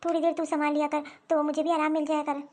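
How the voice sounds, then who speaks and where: A woman's voice: sits high, flat delivery, fast talker, background noise, natural voice. A woman voicing a tired, overworked older mother-in-law in a cartoon story, complaining and self-pitying. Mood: pleading. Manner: complaining, grumbling to herself. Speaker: voice actor. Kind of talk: Hindi cartoon dialogue.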